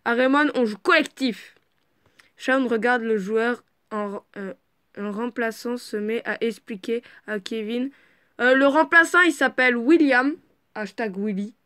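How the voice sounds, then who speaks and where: Brief: a woman with a somewhat high voice reads a fan story aloud at home. She keeps breaking off into chatty asides and swears freely. Her remarks jump up into loud, excitable bursts. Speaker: reader of a fan fiction. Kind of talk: casual reading aloud with chatty commentary.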